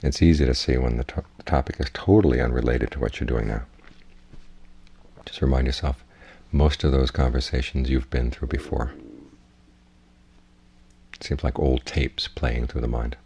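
Leading a meditation session, a man with a husky, rumbling low voice offers measured and plainspoken guidance as a Buddhist teacher. The tone is warm.

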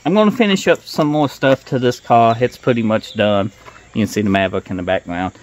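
Brisk and mid-range, this middle-aged man's voice carries a casual, folksy walkthrough of his car restoration work. He films on a handheld phone at arm's length, outdoors in a grassy gravel yard, explaining things plainly as he goes.

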